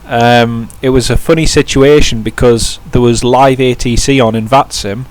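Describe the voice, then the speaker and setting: Streaming a flight simulator live, a man keeps up chatty commentary, responding to viewer chat and frequently restarting his sentences. He speaks at normal speed in a mid-range voice with fairly even intonation.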